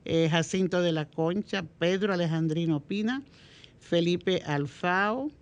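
A man speaks in a clean, resonant voice that sits a little high. He sounds like a radio co-host in casual, unscripted conversation. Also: a little slow.

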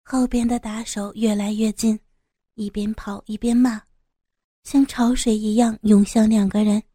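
A woman narrating a gritty action story in a steady, vivid, suspenseful reading style. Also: on the high side, measured pace, no room sound, studio quality. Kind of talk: dramatic audiobook narration.

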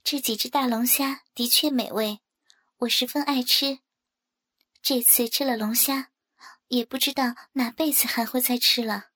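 A woman narrating a first-person story in a soft, even reading manner. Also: fairly high pitch, measured pace. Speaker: audiobook narrator.

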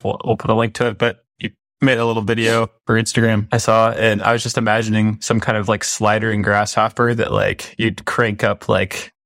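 Man, fairly low pitch, dry room-free sound, casual podcast co-host, informal, halting phrasing. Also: level tone, vocal fry, fairly bright tone, no room sound. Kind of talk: casual chat.

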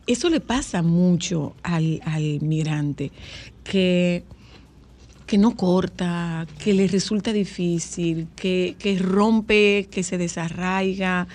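A woman's voice: on the low side, takes it slowly, darkish tone. A woman, hosting a casual interview with chatty, encouraging questions and frequent backchannels. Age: 60s. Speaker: host and therapist.

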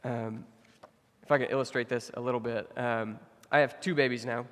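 A young man giving a sermon as a pastor, talking casually with many fillers and getting animated when he tells stories. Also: mid-range voice, moderate pace. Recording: long hall reverb.

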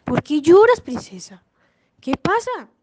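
A woman voicing a big talking frog in a storybook tale, bargaining in slow, drawn-out words. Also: very high-pitched, big pitch swings, pitched above the performer's own voice, exaggerated voice. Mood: coaxing. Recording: noisy home recording.

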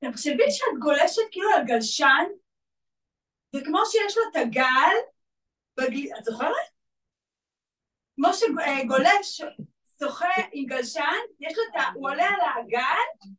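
A woman's voice: sits high, animated, long pauses, a bit bright. A woman in a class sharing a personal experience in a chatty way, leaning on filler words. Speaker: class participant. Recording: roomy, from a distance.

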